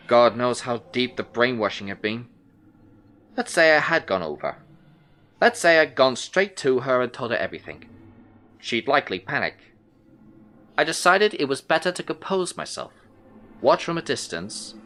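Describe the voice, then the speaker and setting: In a brooding, deliberate first-person audio drama narration, an actor voices an intent, unsettled male detective recounting his case. His mid-range voice swings widely in pitch and sounds pushed and bright, with a tense, cautious mood.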